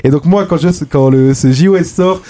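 Young guy hosting radio, talks fast and loose, warm mellow tone, faint music bed under him. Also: a little high. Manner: quick, relaxed, slangy, many restarts. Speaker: radio show host. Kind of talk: casual radio chat about rap. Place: radio studio.

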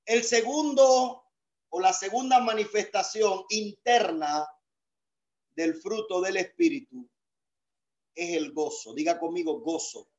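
A male pastor preaching a sermon over a video call, emphatic and swelling into shouts. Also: high-pitched, expressive, slow, dull audio.

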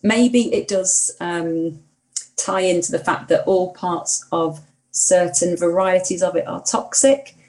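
Earnest woman, lowish voice. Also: steady tone, slow pace, poor audio. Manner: earnest, warmly opinionated, talks herself into mild indignation. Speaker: podcast co-host. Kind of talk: casual podcast chat.

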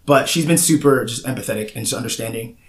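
In a roomy, echoey room, a young podcast host talks fast in a mid-range voice. The conversation is casual and candid, and he rambles with lots of fillers and restarts.

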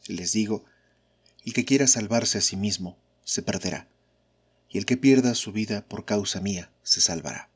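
A man reading the words of Jesus aloud in a measured, solemn scripture reading. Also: on the low side, breathy edge. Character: Jesus, a calm, authoritative adult male teacher. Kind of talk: scripture reading of spoken lines.

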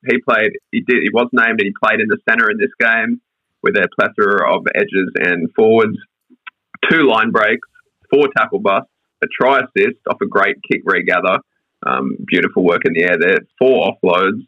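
A man's voice: on the low side, normal speed, no room sound, highs cut off. An Australian man hosting a casual sports discussion, running through stats in a matey, slangy way. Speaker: rugby league podcast host.

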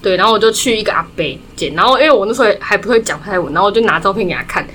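A young woman from Taiwan chatting casually, telling stories in quick run-on clauses. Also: medium pitch, lively intonation, fairly bright tone, slight background noise. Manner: rapid storytelling, strings clauses with "然后". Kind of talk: casual chat.

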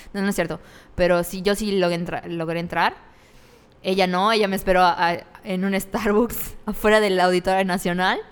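A woman's voice: mid-range voice, clean tone, long reverb tail. A woman with a Mexican accent chatting casually, telling a candid personal story with slang. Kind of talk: casual chat.

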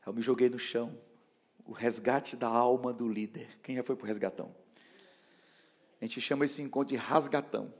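A man preaching an emotional sermon, swinging from shouts down to hushed near-whispers. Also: mid-range voice, steady tone, moderate pace, pauses often. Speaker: pastor.

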